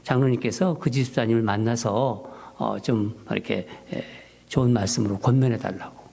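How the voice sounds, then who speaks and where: In a church sanctuary, a pastor with a gravelly, mid-range voice preaches at normal speed, recounting a story from his church life. He tells it in an animated way, rising in tone as he quotes his own prayers.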